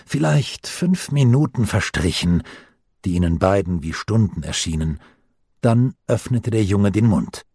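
A man reading a novel aloud in a measured, composed, low manner. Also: expressive, warm tone, slightly rough, no echo, clean studio sound. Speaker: audiobook narrator. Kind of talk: scripted narration of a novel.

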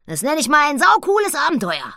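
A woman voicing a loud, brash female pig who talks in crude slang and shouts. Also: high-pitched, huge pitch swings, a little fast, no room sound, studio quality, pitched above the performer's own voice, exaggerated voice. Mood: rowdy.

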